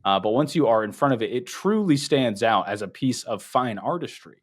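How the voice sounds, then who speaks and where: A man narrating as game master of a tabletop game, describing scenes with frequent pauses. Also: mid-range voice, animated.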